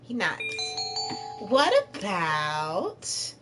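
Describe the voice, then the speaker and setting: A woman streamer reading a visual novel aloud in a playful, animated way, with faint game music behind. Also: lowish voice, drawn-out words. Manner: animated, playful, giggly narration.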